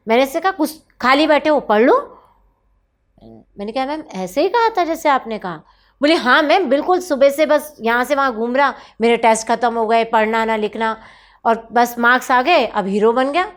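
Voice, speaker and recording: A woman counsellor recounting a session with a mother and child, acting out the dialogue and dropping to soft asides. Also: sits high, lively intonation, normal speed.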